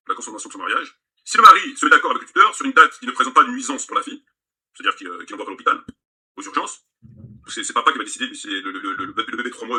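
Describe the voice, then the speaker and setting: A man's voice: mid-range voice, pushed and bright, breathy edge. A man in a played video, reading out texts and mocking them in sarcastic commentary.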